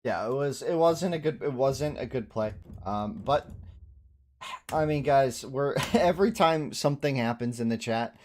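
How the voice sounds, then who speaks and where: A man's voice: mid-range voice, unhurried, darkish tone, a little hiss or hum. A man casting a live strategy game match, chatty, laughing easily and talking to his chat. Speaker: esports commentator.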